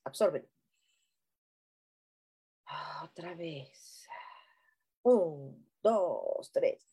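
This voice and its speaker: A Mexican woman hosting a casual live stream, chatting playfully and reading out comments from viewers. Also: on the low side. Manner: playful, chatty, breathy hushed guiding. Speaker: host of a live spiritual stream.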